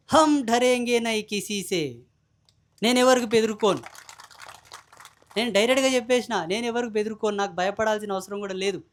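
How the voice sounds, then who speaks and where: A man preaches a fiery public sermon as a renunciant swami. His voice sits high, and his delivery is forceful and declamatory. He now and then acts out the voices of the people who phone him.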